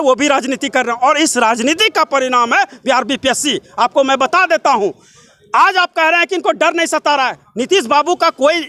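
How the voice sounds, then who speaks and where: High-pitched young Bihari man, breathless run-on tirade. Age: young adult. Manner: breathless run-on delivery, piling up clauses; forceful, rhetorical questions and repetition. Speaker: job candidate and protester being interviewed. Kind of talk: impassioned interview tirade.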